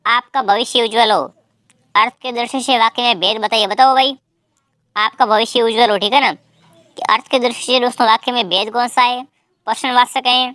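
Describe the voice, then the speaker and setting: A woman teaching an online exam-prep quiz lesson, briskly repeating each question and its options and urging viewers to comment their answers. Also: a little high, fairly bright tone, no room sound.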